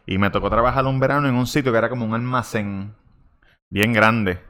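A man with a Puerto Rican accent talks on a casual podcast. His tone is bright and forward, at a middling male pitch. He drops quick jokes and asides as he tells his story. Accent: Puerto Rican Spanish. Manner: joking, quick interjections. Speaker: podcast co-host.

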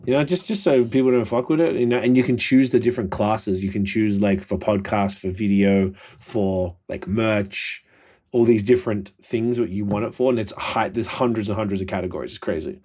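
A man's voice: lowish voice, a little fast, darkish tone. A man hosting a casual podcast, talking in slang and swearing freely. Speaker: podcast host. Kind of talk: casual profane podcast chat.

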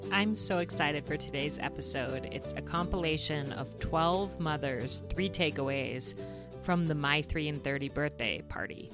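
A woman's voice: low voice, a bit bright, clean tone, no echo, studio quality. A woman hosting a podcast, reading a scripted introduction. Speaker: podcast host.

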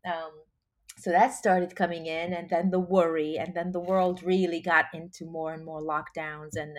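This is relaxed interview chat from a woman who sings and comes from Israel; she's animated, laughs often and tends to restart what she's saying. Her voice sits on the lower side.

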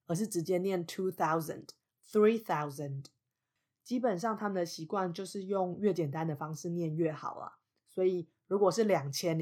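A woman giving an English lesson, explaining patiently and saying example words slowly. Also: on the low side. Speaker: English teacher.

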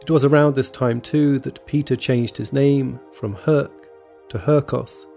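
A man narrating a scripted true story in a measured, even storytelling manner. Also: mid-range voice, creaky. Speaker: podcast narrator. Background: faint background music.

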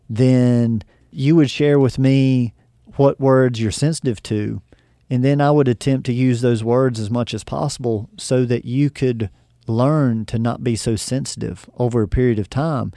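A man's voice: mid-range voice, vocal fry, warm tone, no room sound, studio quality. A man talking on a podcast, explaining ideas in a reflective way with frequent fillers and acted-out remembered conversations. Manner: acts out remembered dialogue. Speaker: podcast guest teacher. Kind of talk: casual podcast talk.

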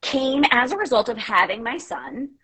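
A woman in her thirties talks as a podcast guest, and her voice sits a little high with a husky, breathy edge. She tells candid stories in a lively, casual way and scatters fillers through her sentences. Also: moderate pace, rough recording. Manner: candid, animated storytelling with many "like" fillers. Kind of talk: casual chat.

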